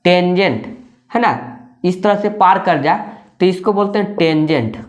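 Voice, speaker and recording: Unhurried and medium in pitch, a maths teacher walks through material as in a classroom, repeating key terms, asking rhetorical questions and checking in with short tag questions.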